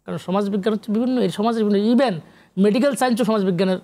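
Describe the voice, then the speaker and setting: On an animated TV interview, a Bangladeshi professor and literary researcher appears as a guest, explaining emphatically in a lecturing manner and mixing in English academic terms. His voice sits high and is mellow, though he talks rapid-fire.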